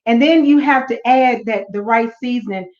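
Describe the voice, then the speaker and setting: A woman on a church panel, talking in a thoughtful, unhurried way with many fillers and restarts. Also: fairly high pitch, reverberant, muffled recording. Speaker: panel guest. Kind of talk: casual church panel talk. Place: church event room.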